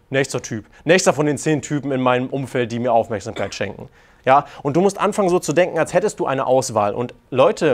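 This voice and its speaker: A young man, a dating coach, talking to viewers and then giving a seminar talk, lively and acting out the people he quotes. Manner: animated, acts out quoted clients in a higher voice. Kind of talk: seminar talk and video intro.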